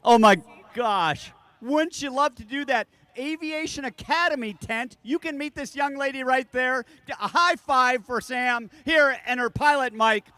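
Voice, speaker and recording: A male air show host speaks in a high, bright and forceful voice. He is gushing and enthusiastic, moving between addressing the crowd and interviewing performers. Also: normal speed, no room sound. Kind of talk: live crowd announcing and interview.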